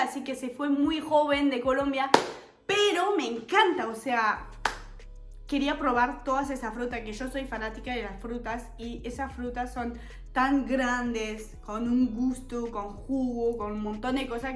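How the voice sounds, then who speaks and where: A French woman in her twenties, a native French speaker, chatting casually to camera in a playful, giggly way as a vlogger. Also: sits high. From France. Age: 20s. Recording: echoey room with faint music.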